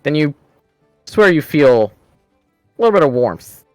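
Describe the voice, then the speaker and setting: A man running a tabletop fantasy game, narrating scenes in a measured, suspenseful way and putting questions to players. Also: fairly high pitch, very animated, darkish tone, no echo, studio quality, faint music behind. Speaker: game master.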